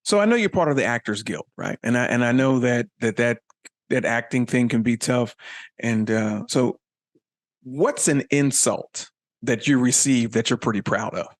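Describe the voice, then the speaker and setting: A man's voice: mid-range voice, moderate pace. A man hosting a casual interview, asking encouraging questions with frequent restarts. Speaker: podcast host.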